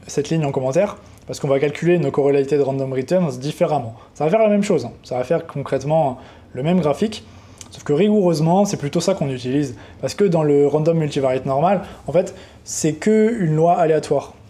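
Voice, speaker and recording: Young man, casual coding tutorial, rambling, mellow tone, slightly high voice. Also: brisk. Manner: casual, rambling, talks straight to the viewer. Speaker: trading educator.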